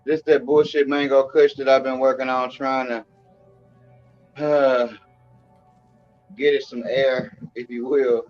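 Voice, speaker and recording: A man's voice: medium pitch, flat delivery, unhurried, long pauses, dull audio, faint music behind. Slangy, laid-back streaming man. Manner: loose, slangy, swearing freely. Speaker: podcast host showing his grow. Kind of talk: casual stream chat.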